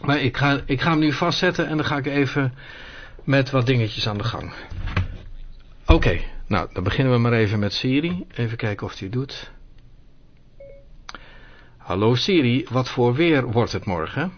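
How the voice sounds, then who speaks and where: A man talks through a phone demo in a relaxed, conversational way, often pausing to think. His voice has an ordinary middle pitch. The sound is a little dull. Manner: relaxed, thinking aloud with fillers. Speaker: host demonstrating phone features. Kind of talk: casual explanatory demo.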